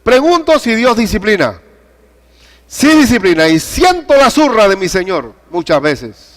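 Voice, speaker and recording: Older male pastor, higher-pitched voice, animated storytelling sermon. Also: unhurried. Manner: animated preaching with storytelling and questions to the congregation.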